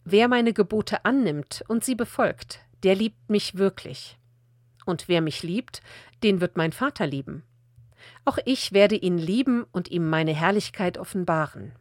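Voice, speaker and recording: A woman reads scripture aloud in a calm, measured delivery. Her voice sits at an ordinary middle pitch. The recording is close and dry, with no room sound. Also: no room sound. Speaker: Bible reader. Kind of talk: scripted Bible reading.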